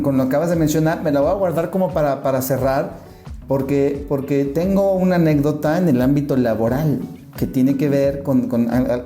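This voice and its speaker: A man hosting a casual podcast discussion, energetic and often restarting as he steers the talk. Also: a little high, roomy sound. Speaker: podcast host and moderator.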